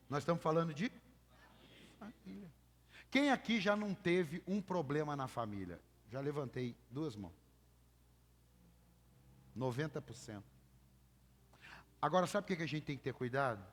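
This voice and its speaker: Brazilian male pastor preaching in an echoing hall. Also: a little high. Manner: emphatic, calls for congregation repetition. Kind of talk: sermon. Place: church.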